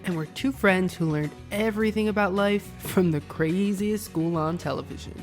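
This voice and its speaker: A young woman co-hosts a chatty podcast with a lower-pitched voice. She talks in an animated, gushing way and often drops into playful voices. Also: normal speed, soft background music. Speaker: podcast co-host. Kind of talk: casual chat.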